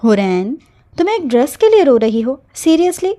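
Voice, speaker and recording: A caring young woman comforts and pleads in earnest, as a woman reading a novel puts her on. Her voice is high and mellow. She is the steady heroine of an audio romance. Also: lightly acted. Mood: soothing. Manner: soothing, earnest. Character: caring young woman, elder-sister type.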